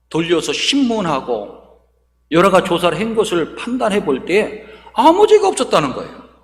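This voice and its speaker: A man's voice: a little high, fairly bright tone. Man, pastor, sermon, emphatic rhetorical questions, church hall reverb. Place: church sanctuary.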